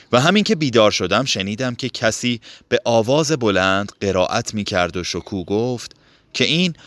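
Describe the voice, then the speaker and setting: A man narrating a literary novel as an audiobook in a measured, expressive way. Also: lowish voice, no echo.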